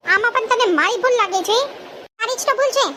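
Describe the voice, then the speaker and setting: A bossy, sharp-tongued young wife from a cartoon, played by a woman, scolding and taunting. Her voice is very high and piercing. A hissing background runs under it. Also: fast talker. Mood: angry. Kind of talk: cartoon voice acting. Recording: noisy background hiss.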